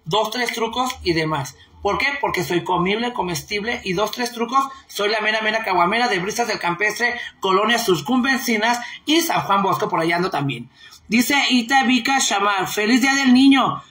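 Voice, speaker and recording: Chatty Mexican woman, bright voice. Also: mid-range voice, animated, normal speed. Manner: rambling, playful, crude slang, giggly. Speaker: online streamer. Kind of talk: casual live stream reading viewer comments. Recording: roomy echo.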